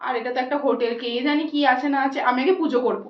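A woman's voice: high-pitched, very fast, a little hiss or hum, close to an everyday voice. A woman playing a superstitious, jumpy young woman who frets about ghosts and pleads anxiously, in a roomy, dull home recording. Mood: fretful.

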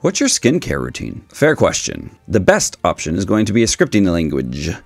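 Man in his forties, raspy and gravelly, very animated pitch, emphatic casual explainer, dry room. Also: moderate pace, no echo, soft background music. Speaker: video host, statistics teacher. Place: small dim indoor room, seated.

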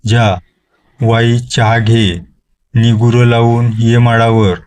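A bossy old village grandmother barks out orders, as a man reading the story puts her on. Her lines come slow and level, with little lift to them, in a storybook horror tale. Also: mid-range voice, little pitch movement, darkish tone, close to an everyday voice. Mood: scolding.

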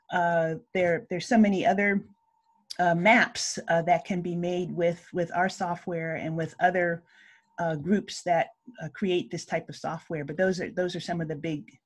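An older woman on a video call panel, talking from a room at home. She explains at length, pausing often on filler sounds, in a fairly low voice. Her speech is halting but steady. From Hawaii. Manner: hesitant, many filler sounds.

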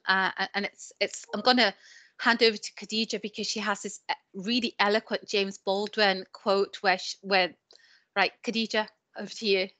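Bright-voiced woman on a dry video call. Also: mid-range voice, dry recording. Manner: earnest, steady, repeats words at starts. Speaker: panelist. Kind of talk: webinar panel discussion. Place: home room on a video call.

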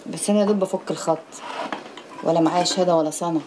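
A woman's voice: on the low side, steady tone, very fast, background noise, natural voice. An actress playing a poor young woman who speaks plainly and modestly in an Egyptian Arabic accent. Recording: film music behind.

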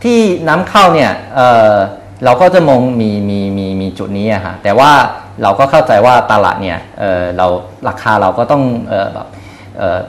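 A man in his thirties answering interview questions as a company guest, hesitant, often pausing and repeating words. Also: lowish voice, very animated, reverberant. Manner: hesitant, frequent filler pauses and repeated words. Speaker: company executive being interviewed. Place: small indoor showroom office. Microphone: lapel mic.

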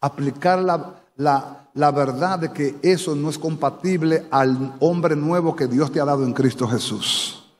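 In a church sanctuary, a man from the Dominican Republic with a Dominican Spanish accent delivers a sermon as pastor, questioning his live congregation. He sounds a little high and takes his time. Church hall reverb colors the audio.

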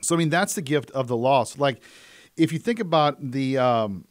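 A man's voice: mid-range voice, expressive, normal speed, no room sound, studio quality. Earnest man telling stories on radio. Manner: earnest, storyteller who laughs easily. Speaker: radio show guest. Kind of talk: conversational teaching on faith. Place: radio studio.

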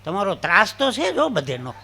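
A man's voice: high voice, normal speed, vocal fry. A man telling jokes and folk stories on stage, acting out the voices of the people in them. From Gujarat, India. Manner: animated joke telling with acted dialogue voices. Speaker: stand-up comedian. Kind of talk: live folk comedy storytelling.

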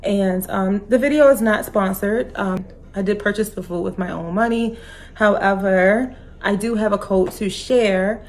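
A woman's voice: mid-range voice, measured pace, darkish tone, low-quality recording. A woman in her thirties chatting casually on her home cooking vlog, with many fillers. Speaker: vlogger. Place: home living room, indoors.

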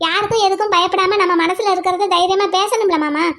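A woman's voice: extremely high pitch, fairly even intonation, fairly quick, fairly bright tone. A woman voicing a bold, outspoken young woman law student in a cartoon, arguing firmly point by point. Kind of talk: cartoon voice acting.

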